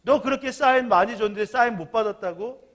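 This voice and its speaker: A man voicing God in a sermon story, gruff and scolding a dead young man. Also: high-pitched, brisk, fairly bright tone, voice pushed up. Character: stern scolding God, elderly male voice.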